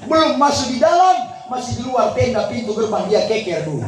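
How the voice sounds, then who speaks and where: A man's voice: very high voice, a little fast, noisy background. A man with a Gorontalo accent preaching a humorous sermon to an audience, joking and breaking into chanted Quran recitation. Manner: jokey, animated, chanting recitation in between. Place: large tent venue with audience. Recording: echoey, distant crowd recording.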